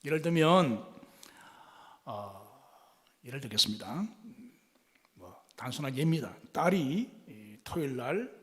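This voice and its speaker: A man's voice: mid-range voice, unhurried, pauses often, big-room sound. A male pastor giving a sermon, asking the congregation questions and acting out quoted speech. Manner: animated preaching, asks the congregation questions and acts out quoted speech. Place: church sanctuary.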